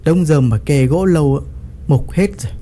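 A man's voice: on the high side, moderate pace, dark tone, a little hiss or hum, natural voice. A man voicing a thrifty, scrawny old village neighbor who muses aloud in a chatty, practical way. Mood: musing.

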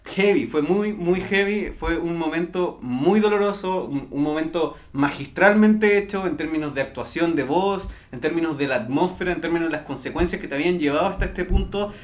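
A young man with a Chilean accent, telling a story in a casual podcast chat, excited and laughing as he talks. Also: a little high, normal speed, few pauses. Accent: Chilean Spanish. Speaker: podcast co-host.

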